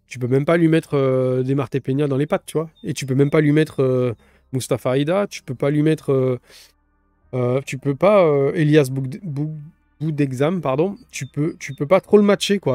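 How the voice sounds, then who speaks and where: Male podcast host, dark mellow tone, rambling enthusiastic delivery, dry close sound. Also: medium pitch, no echo. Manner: rambling, restarts often, enthusiastic about fighters. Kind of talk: casual solo commentary.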